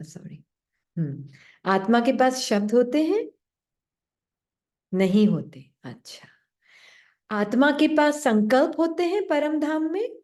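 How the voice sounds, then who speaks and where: A woman teaches an online class over a computer mic. Her voice sits fairly high but sounds mellow and dark, and she talks gently, often asking questions. She sinks low to act out the nagging inner voice. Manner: gentle, questioning, acts out the doubting mind in a low voice. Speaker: spiritual teacher. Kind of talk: spiritual talk to an online class.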